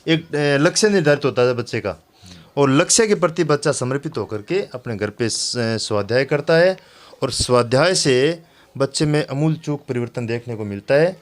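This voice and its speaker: Male teacher, mid pitch; earnest, explanatory, formal phrasing. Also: lively intonation, normal speed. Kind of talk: explaining a school system.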